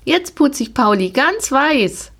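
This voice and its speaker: A woman voicing an eager, kind young girl in a storybook reading, with a bright, childlike tone. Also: sits high, sing-song, slow, voice pushed up, heavily acted. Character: eager, kind young girl who loves her pony.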